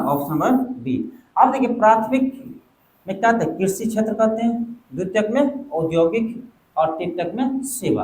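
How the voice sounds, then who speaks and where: In an echoey classroom with slight background noise, a man whose voice sits high and sounds darkish runs an exam coaching lecture. He fires questions at his students in rapid back-and-forth exchanges.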